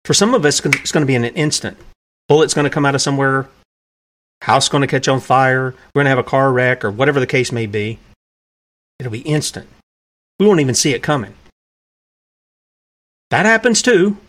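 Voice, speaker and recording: A man's voice: mid-range voice, a bit bright. A man preaching in a sermon-style podcast, earnest and emphatic, with plainspoken, folksy phrasing and repeated key lines for weight. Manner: earnest and emphatic, pressing his points hard.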